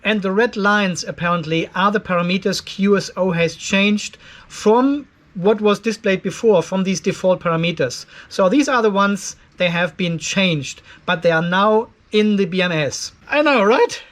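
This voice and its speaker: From a cluttered garage workshop, a man in his fifties explains things step by step for his off-grid solar channel. His voice sits high and is a bit bright at a normal speed, and his casual, conversational style doesn't shy from open criticism.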